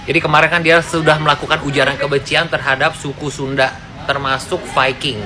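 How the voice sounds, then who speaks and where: Casting: man, a bit higher pitch, plain news narration. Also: level tone, a little fast, crowd noise.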